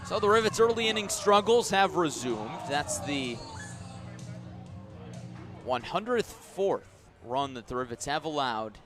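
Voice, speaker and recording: Over music, a man delivers live radio play-by-play of a baseball game, his measured, detailed commentary climbing with every pitch and swinging widely in pitch.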